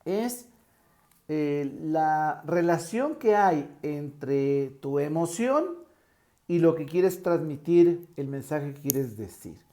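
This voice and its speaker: A Mexican man with a tenor voice teaching an online lesson, acting out pitch examples as he goes. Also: animated, slow, dark tone. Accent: Mexican Spanish. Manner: demonstrative, shifts pitch to show examples. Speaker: teacher trainer.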